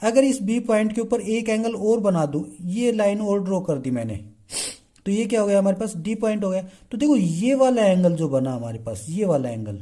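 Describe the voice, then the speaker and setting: A man with a mellow, warm tone teaches a math class. He switches freely between Hindi and English terms, poses questions to the class and answers them himself, and keeps checking in with the students. He slows to a drawn-out pace while writing on the board. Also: sits high, animated. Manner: keeps checking in with the class by saying "okay" again and again. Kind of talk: explaining a lesson.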